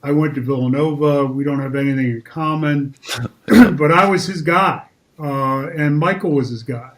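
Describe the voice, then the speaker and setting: A man's voice: fairly high pitch, moderate pace. A man, telling vivid, emphatic stories as a podcast guest. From Northeastern US. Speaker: guest, former football player. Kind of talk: storytelling in casual chat.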